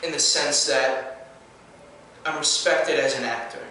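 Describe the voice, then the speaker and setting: A young New Zealand actor being interviewed casually speaks in a mostly American accent with a trace of his home one. His mid-range voice is steady, unhurried, pushed and bright, and he is restless and earnest, restarting sentences with many fillers. The recording, from far off in an echoey room, carries a little hiss or hum.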